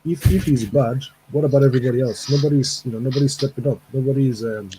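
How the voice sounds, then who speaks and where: A man talks football through a badly distorted, fuzzy microphone, his dark, dull voice buried under a light hiss. He hesitates often and fills gaps with ums and uhs. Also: mid-range voice, fast. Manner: hesitant, many fillers. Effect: fuzzy distorted mic sound. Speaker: call-in guest. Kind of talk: casual football chat.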